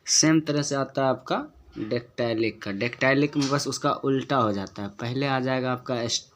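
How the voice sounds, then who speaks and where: A man's voice: mid-range voice, a bit bright, a little hiss or hum. Methodical male teacher explaining step by step. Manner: methodical, repeats example words slowly for emphasis; asks and answers his own questions. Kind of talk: spoken lesson on poetic meter.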